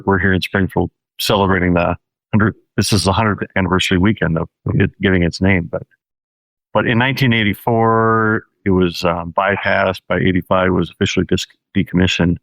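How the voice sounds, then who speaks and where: A man from Washington State, a documentary filmmaker telling his story in a relaxed, steady interview manner. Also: low-pitched, no echo, low-quality recording. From Washington State, USA.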